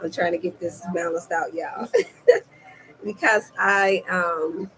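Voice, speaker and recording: A woman hosting her wellness channel live, chatting excitedly with viewers, repeating herself and getting tongue-tied, greeting people by name. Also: lowish voice, slow pace, low-quality recording. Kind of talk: casual live stream chat.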